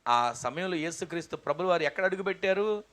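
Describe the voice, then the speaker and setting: A man's voice: a little high, expressive, fast talker. Fervent man preaching a sermon. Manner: exhorting, rising to loud emphatic calls. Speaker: pastor.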